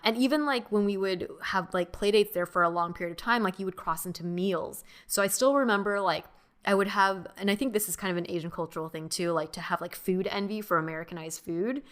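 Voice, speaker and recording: A woman's voice: mid-range voice, fairly quick, a bit bright. A young woman co-hosting a podcast, reflectively recounting childhood memories in casual talk with many fillers. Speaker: podcast co-host. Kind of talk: casual chat.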